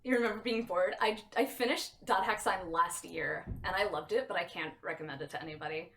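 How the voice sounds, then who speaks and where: A woman's voice: lowish voice, brisk, fairly bright tone, slight background noise. A woman hosting a livestream in casual, sweary, giggly watchalong chat. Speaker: livestream host. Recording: music playing behind voice.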